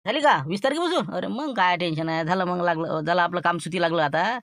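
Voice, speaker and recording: A man's voice: high voice, fast talker, a bit bright, no room sound, clean studio sound. A man with a Varhadi Marathi accent playing a boastful schemer in a comic sketch, rambling about his plans. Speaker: scheming villager in a comedy skit.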